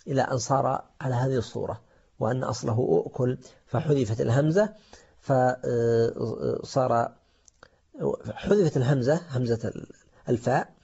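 Husky dark-voiced man teaching grammar. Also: fairly high pitch. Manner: explains step by step, asks and answers own questions, many fillers. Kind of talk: grammar lesson on Quranic verses. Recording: dull lo-fi recording.

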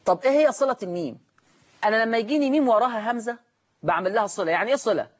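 A man's voice: sits high, very fast, highs cut off. A man with an Egyptian accent teaching Quran recitation on a broadcast lesson, asking himself questions, answering them, and repeating key terms.

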